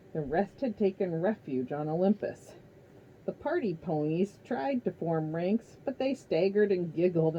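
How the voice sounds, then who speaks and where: Slow woman reading a novel aloud. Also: lowish voice, muffled recording, slight background noise. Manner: steady reading with small slips. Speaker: reader.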